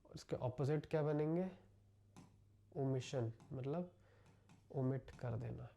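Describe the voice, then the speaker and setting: A man with an Indian accent teaching English vocabulary, explaining each word slowly and repeating it in Hindi. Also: mid-range voice, vocal fry, warm tone. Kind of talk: vocabulary lesson.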